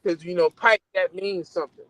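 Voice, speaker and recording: A man's voice: sits high, steady tone, fairly quick, pushed and bright, dry recording. A man talking casually over a phone call from a moving car, his voice cutting in and out and dropping away as the signal breaks up, restarting his sentences as he rambles. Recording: distant, patchy phone call.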